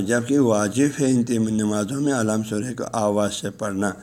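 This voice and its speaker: A man's voice: mid-range voice, a little mellow. Man explaining a text line by line. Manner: speaks directly to listeners, telling them to pass the ruling on at home. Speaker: religious lecturer teaching a law book. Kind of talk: religious lesson, reading and explaining a text.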